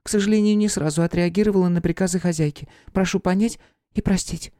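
A man voicing a small, timid female squirrel golem in a squeaky, formal, apologetic way. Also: fairly even intonation, fast talker, dark tone, no room sound, clean studio sound, natural voice. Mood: earnest. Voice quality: squeaky, piping.

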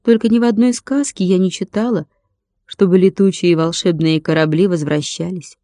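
A woman's voice: fairly low pitch, steady tone, normal speed, mellow, no echo, clean studio sound, natural voice. A woman voicing a teasing young girl. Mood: thoughtful. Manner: teasing, a little condescending.

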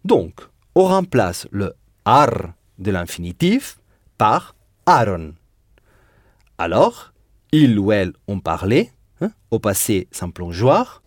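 A man's voice: on the low side, sing-song, slow pace, dry recording, studio quality. A man teaching a Spanish lesson in French, patiently drilling verb endings and repeating students' answers. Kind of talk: language lesson drilling conjugations.

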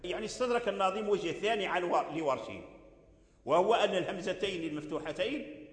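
A man's voice: sits high, expressive, fast. A man, teaching Quran recitation and explaining verse by verse while repeating example words. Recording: echoey hall.

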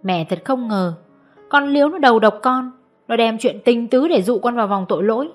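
A woman's voice: on the high side, fairly quick, lightly acted. A woman voicing a stern but loving middle-aged mother in an audiobook, scolding at times and coaxing at others, over faint music. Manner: scolding, then soft and coaxing. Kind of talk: audiobook character voice.

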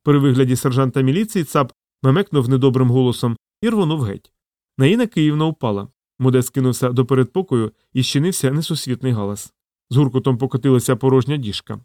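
A man narrates an audiobook in a steady, even voice at a mid pitch. The recording is close-miked and very dry, with no room sound. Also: fast talker, no room sound. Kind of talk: scripted narration.

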